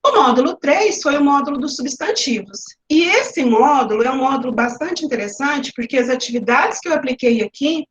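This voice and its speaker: A woman's voice: sits high, lively intonation, moderate pace, hardly any pauses. A woman teacher with a Brazilian Portuguese accent, presenting classroom activities in an online lecture and explaining them step by step with examples. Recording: roomy, slightly muffled webinar audio.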